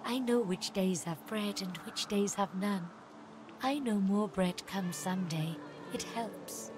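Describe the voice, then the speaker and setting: A woman voicing a serene blind young elf girl seer who speaks in calm, broken, simple phrases. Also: mid-range voice, slow pace, natural voice. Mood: gentle. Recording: noisy game audio.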